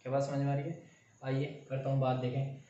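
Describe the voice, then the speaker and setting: A man teaching a chemistry lesson, animated and often quizzing his students. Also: mid-range voice, fast talker. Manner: animated, keeps quizzing the class. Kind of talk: classroom lecture. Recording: roomy, distant, muffled sound.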